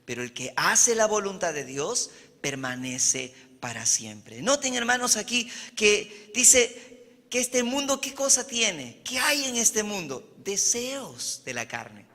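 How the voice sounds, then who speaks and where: A man's voice: high voice, big pitch swings, slow, bright, forceful tone, long reverb tail. A man from Peru, a pastor, preaching a sermon and checking in with his congregation with frequent amens and questions. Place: church hall.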